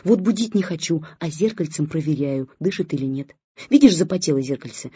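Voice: medium pitch, lively intonation, a little fast, breathy edge, no room sound. A reader voicing a doting, anxious new father who coos and fusses over his baby, in a dull lo-fi audiobook recording. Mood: cooing. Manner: cooing, soft and fussing.

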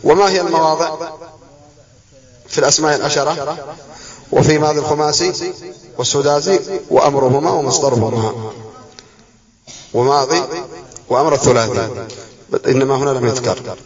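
A man's voice: a little high, brisk, pauses often. A man teaching an Arabic spelling lesson, reading from a text, explaining it and quizzing his students, repeating key words. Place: classroom. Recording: distant dull classroom recording with students around.

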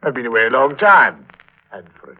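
An actor playing a suave, biting, domineering uncle in a 1940s radio drama, with a husky voice. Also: male voice, mid-range voice, very animated, fairly quick, close to an everyday voice. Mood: sardonic. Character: sardonic, domineering uncle returned from long absence. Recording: tinny old radio recording.

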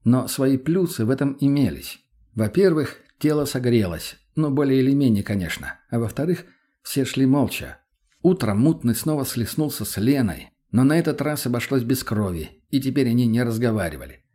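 A man narrating a first-person audiobook in an even, unhurried way. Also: mid-range voice.

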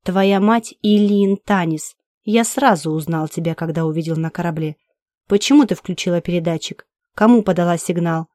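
A woman voicing a cold, cruel male alien interrogator who speaks slowly and evenly, reading an audiobook. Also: on the low side, darkish tone, no room sound, clean studio sound, natural voice. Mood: menacing. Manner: slow, level, menacing delivery. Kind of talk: audiobook character voice.

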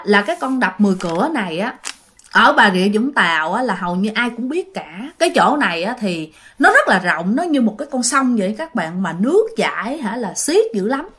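A woman's voice: mid-range voice, fairly bright tone. A woman hosting a channel and telling a ghost story in a chatty way, often speaking straight to her listeners. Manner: chatty, addresses listeners directly. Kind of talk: spoken ghost story narration.

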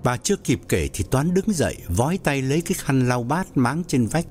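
A man narrating an audiobook story in a measured storytelling way. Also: big pitch swings, a little mellow. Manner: measured storytelling with wide pitch swings.

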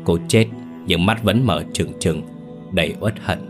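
Male narrator, very deep voice, somber story reading, soft music behind. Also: measured pace. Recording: faint background music.

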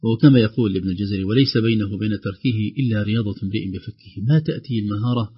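A man gives a radio lesson on Quran recitation. His voice is husky and his delivery is calm, slowing right down whenever he demonstrates a word. The sound is a dull, lo-fi broadcast. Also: lowish voice. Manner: explains calmly, slowly modelling word pronunciations.

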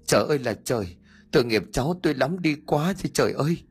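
Man reading sly father-in-law, theatrical pleading, husky, lively pitch. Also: fast talker, faint music behind. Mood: feigned panic. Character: sly older father-in-law feigning grief.

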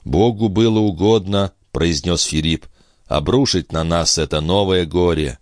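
A man reading a young nobleman consoling his sister, soft and tender. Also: deep voice, normal speed, no echo, studio quality, natural voice.

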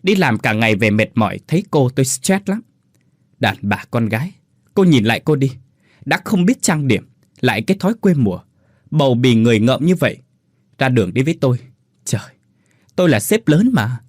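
A man's voice: medium pitch, very animated, fairly quick, long pauses, no room sound, studio quality. A man voicing a cold, contemptuous husband who snarls through gritted teeth.

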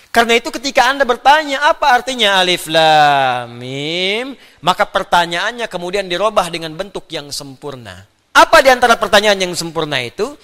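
Male preacher, high bright voice, animated and joking, reverberant hall. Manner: animated, jokes and laughs with the audience. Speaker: Islamic preacher. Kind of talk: religious lecture.

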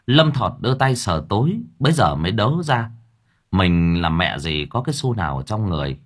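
Deep, husky male storyteller. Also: moderate pace. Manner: colloquial, lively storytelling. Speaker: audiobook narrator. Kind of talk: storytelling narration.

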